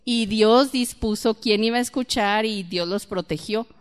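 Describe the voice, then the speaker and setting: Woman bible teacher, highish smooth voice, long hall echo, quizzing the class. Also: unhurried. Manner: questions the class, repeats points. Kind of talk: church Bible lesson. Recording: reverberant hall.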